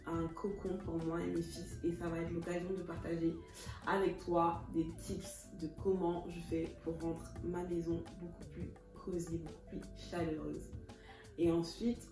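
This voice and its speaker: This vlogger, a woman in her thirties from Kinshasa in Congo, introduces herself in a relaxed, chatty way, frequently laughing and slipping in bits of English. Her voice is on the low side. The audio is recorded from a distance in an echoey room, her voice a little off-mic over music.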